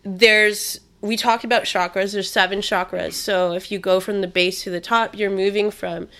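Chatty, animated woman podcast host. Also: mid-range voice, moderate pace. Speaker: host, meditation teacher. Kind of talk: casual podcast chat.

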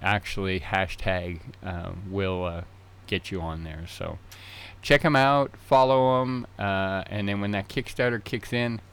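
A man's voice: deep voice, steady tone, unhurried, a bit bright, smooth. A man hosting a podcast, chatting casually in a rambling way, full of fillers and restarts, a bit tongue-tied early in the morning. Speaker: podcast host.

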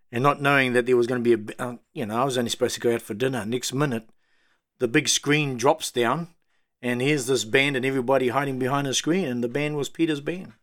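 A middle-aged man with a New Zealand accent, hosting a radio tribute and speaking in a heartfelt, halting way with frequent pauses. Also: medium pitch. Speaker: radio host. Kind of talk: emotional tribute talk on air. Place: radio studio. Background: soft music playing underneath.

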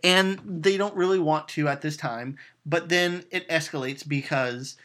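A man chatting casually as he retells a film's plot in an animated way, with lots of um fillers and acted-out lines of dialogue. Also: a little high, a little slow. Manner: animated storytelling, acting out quotes, frequent "um" fillers. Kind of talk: casual chat retelling a film.

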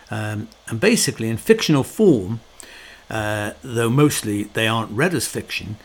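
A middle-aged man talks through a long, reflective monologue in a loose, conversational way. He leans on fillers and restarts, and his voice carries a wry, sorrowful edge. His pitch sits at an ordinary middle level.

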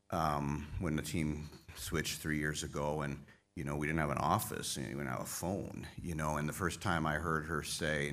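Very deep-voiced man giving a heartfelt speech. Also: fairly bright tone. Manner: heartfelt, openly emotional; folksy, self-deprecating humor. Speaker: association leader addressing members. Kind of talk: conference speech thanking staff. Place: conference hall stage.

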